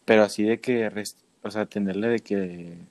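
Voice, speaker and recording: A man's voice: on the low side, moderate pace, dry recording. A young man with a Mexican accent chatting casually, telling stories full of slang and breaking into laughter. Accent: Mexican Spanish. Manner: slangy, laughing, animated storytelling. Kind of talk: casual chat.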